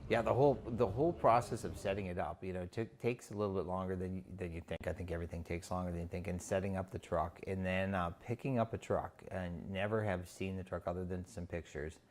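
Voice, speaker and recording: A man from North Dakota who works in community relations, speaking in a documentary interview with a halting delivery and many pauses. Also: sits low, fairly even intonation, slight background noise. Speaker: city community relations officer.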